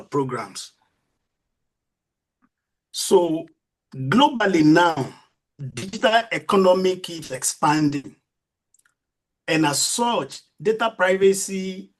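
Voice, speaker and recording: Slow-paced, polite man presenting formally. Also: a little high. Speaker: conference presenter.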